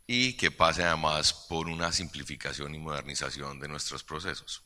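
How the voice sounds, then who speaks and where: Very deep-voiced man presenting. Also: sharp tone. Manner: measured, with frequent fillers and restarts. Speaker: financial supervision official. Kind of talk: formal conference presentation.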